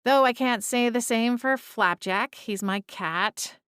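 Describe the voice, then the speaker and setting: A woman playing a kindly, reassuring ghost-seer with gentle conversational delivery in an audiobook. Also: fairly high pitch, takes it slowly, clean tone, no echo, clean studio sound, voice pushed up. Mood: calm, friendly. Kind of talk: audiobook character dialogue.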